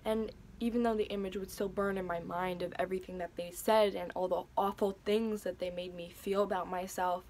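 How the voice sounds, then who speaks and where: A woman's voice: medium pitch, fairly even intonation, brisk, hardly any pauses, darkish tone, slight background noise. A young woman telling a personal story in a vlog, hesitant and emotional, with many fillers and restarts. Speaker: vlogger.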